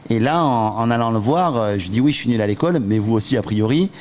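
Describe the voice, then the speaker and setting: A man's voice: mid-range voice, animated, quick pace, a little mellow, slight background noise. A man telling a story in a loose, casual way, acting out both sides of old phone calls, with lots of fillers and restarts. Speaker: entrepreneur and trainer telling his school story.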